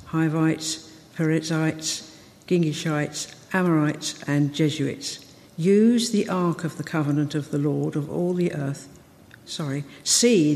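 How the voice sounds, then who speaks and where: A woman reading a Bible passage aloud to a congregation, steady with small slips. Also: low-pitched. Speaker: scripture reader. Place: church. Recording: long church reverb.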